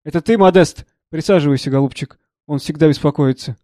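A man reading the part of a troubled, gentle elderly professor who speaks earnestly and with agitation. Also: fairly high pitch, a little fast, dry recording, clean studio sound, close to an everyday voice.

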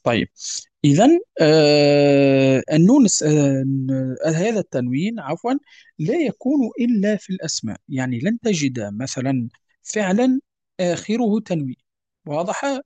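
A man teaches tajwid in a patient, repetitive way, pausing to ask whether it is clear. His voice sits a little high yet sounds mellow and warm. The recording is dry and close, with no room echo. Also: big pitch swings. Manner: patient, repeats examples and checks understanding. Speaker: Quran recitation teacher. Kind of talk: explanatory lesson with verse recitation.

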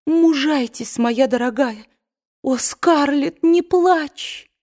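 A woman's voice: high-pitched, slow pace, voice pushed up. A woman voicing a kind young woman who soothes and comforts, in an audiobook. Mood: soothing. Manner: soft, comforting.

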